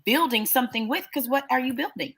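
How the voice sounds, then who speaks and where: A woman's voice: sits high, fast talker, a bit bright. A woman in a casual talk show, making emphatic points and asking pointed questions. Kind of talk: casual chat.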